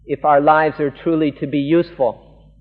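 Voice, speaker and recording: A man, a monk, interpreting a Buddhist sermon live, speaking earnestly in halting phrases. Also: fairly high pitch, level tone. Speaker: monk interpreter of a Dhamma talk. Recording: lo-fi 1980s tape in a reverberant hall.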